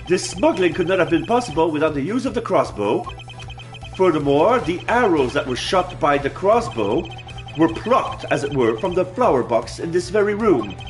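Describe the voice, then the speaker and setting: A man's voice: on the high side, big pitch swings, normal speed. A man playing a video game, reading its dialogue aloud and commenting as he goes.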